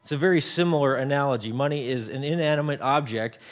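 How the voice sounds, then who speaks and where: A man around forty delivers a sermon in an easygoing, conversational way. His voice sits at a middle pitch, and he often stumbles into repeated words. He works everyday stories into the preaching. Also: fast. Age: 40s. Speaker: pastor.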